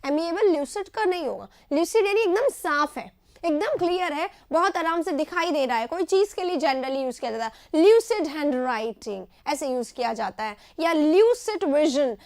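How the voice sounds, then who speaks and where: A woman's voice: very high voice, dry recording. A woman with an Indian accent teaching English vocabulary in a live online class, explaining each word in short repeated phrases and often checking with "right?".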